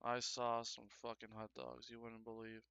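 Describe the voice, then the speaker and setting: While sculpting on a live stream, a man chats casually and swaps crude jokes with his viewers. He speaks at medium pitch and a moderate pace, monotone yet bright and forceful, in a clean recording with no room sound.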